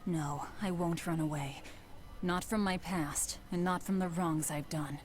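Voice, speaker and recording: A woman's voice: fairly low pitch, steady tone, unhurried, soft background music, natural voice. A woman playing a stern, defiant demon lord in a video game, with a blunt, resolute delivery. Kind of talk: scripted video game acting.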